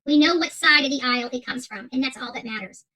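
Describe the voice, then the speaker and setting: Her voice sits high and sounds pushed and bright as she moves at a quick pace. She is the host of an online commentary channel, ranting unscripted to her audience in an aggressive, emphatic style and repeating phrases to drive points home.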